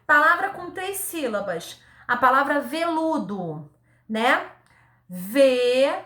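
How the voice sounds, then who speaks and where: A woman teacher giving a recorded lesson to young children, speaking slowly and patiently, sounding words out syllable by syllable and checking in with a frequent "tá?". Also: high voice, big pitch swings, bright, forceful tone, roomy sound. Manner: ends phrases with a checking "tá?". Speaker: primary school teacher.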